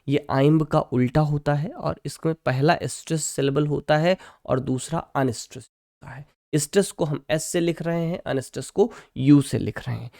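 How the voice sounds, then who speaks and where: A man teaching an English literature lesson in Hindi mixed with English. He keeps checking with his students and slows right down to dictate definitions. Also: fairly high pitch, a little mellow. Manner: mixes Hindi and English, keeps asking "ठीक है".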